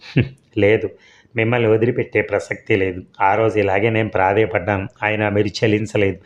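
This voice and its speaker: A harsh, vengeful gunman from a spoken story, voiced by a man in a low, even voice. He threatens coldly and without hurry. The recording is dull and lo-fi. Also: brisk, natural voice. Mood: menacing. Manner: harsh, menacing. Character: cold vengeful man with a revolver.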